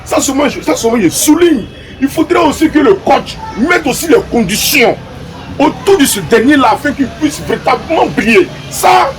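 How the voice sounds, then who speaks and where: A man's voice: extremely high pitch, animated, normal speed, some chatter behind, poor audio. A man giving rambling football commentary, losing words and going off on asides. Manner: rambling, loses words, digressive. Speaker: football pundit. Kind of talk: casual debate commentary. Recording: music bed behind voice.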